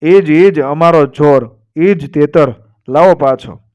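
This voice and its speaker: A man's voice: on the high side, slow pace, muffled recording. A man doing rude, quarrelsome village archers. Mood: demanding, rough.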